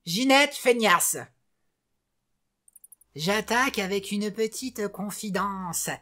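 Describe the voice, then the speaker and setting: A woman's voice: mid-range voice, slow, pushed and bright. A woman hosting a comic film show, theatrical and playful, joking with the crew.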